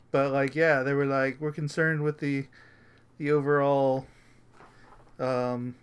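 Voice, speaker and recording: Smooth-voiced man chatting casually. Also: mid-range voice, little pitch movement, slow pace, long pauses. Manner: rambling, hesitant, many fillers and restarts. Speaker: podcast co-host. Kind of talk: casual chat.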